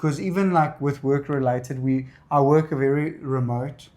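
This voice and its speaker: A man from South Africa with a clear Afrikaans accent talks casually in a Q&A. He is a native Afrikaans speaker, with an average-pitched voice. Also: normal speed, a little mellow. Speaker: content creator. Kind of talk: casual Q&A chat.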